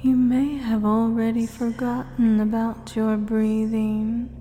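A woman speaking as a hypnotist in a guided hypnosis recording, slow and soothing, slipping often into soft whispers. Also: on the high side, flat delivery. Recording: long reverb with faint music behind.

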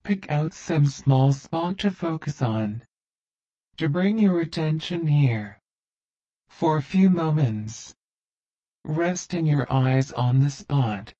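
A man narrating a guided hypnosis relaxation in a soothing, repetitive, deliberate way. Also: fairly high pitch, dark tone, lo-fi sound.

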